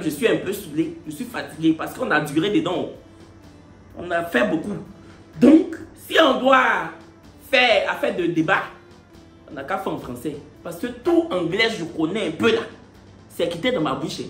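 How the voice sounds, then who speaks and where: A man telling a story in a playful, animated way and laughing often. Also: sits high, roomy sound. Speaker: vlogger. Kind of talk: casual storytelling.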